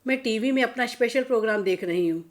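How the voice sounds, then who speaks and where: A woman voicing a demanding young working daughter-in-law who fires off quick requests, in a storybook reading. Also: a little high, lightly acted.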